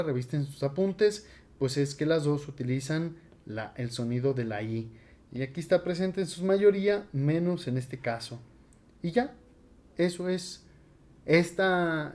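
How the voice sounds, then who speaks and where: A man teaching Latin grammar in a relaxed, conversational classroom lecture, with frequent fillers. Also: fairly high pitch. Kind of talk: casual classroom lecture at a board.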